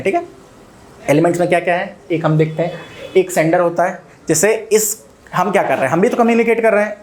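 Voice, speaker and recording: A man's voice: high voice, darkish tone. An Indian man teaching a recorded video lesson, mixing Hindi with English and often checking in with "ठीक है?". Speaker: coaching teacher.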